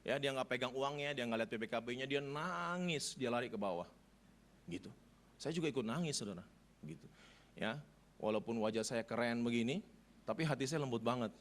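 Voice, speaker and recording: A middle-aged male pastor telling a personal story in a sermon, animated and joking, his voice climbing high when moved. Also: brisk, a little hiss or hum. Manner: animated, humorous, rising high when emotional. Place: church service.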